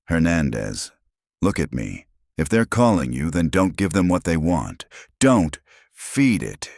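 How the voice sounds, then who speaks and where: A man voicing a weary male sheriff with a rough, low, steady voice. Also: a little slow, no echo, heavily acted. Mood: grim.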